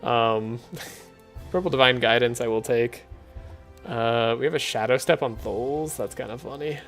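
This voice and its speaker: A man streaming a card game, talking in a soft, relaxed, sleepy way with frequent chuckles. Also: mid-range voice, unhurried, faint music behind. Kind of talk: relaxed gameplay commentary.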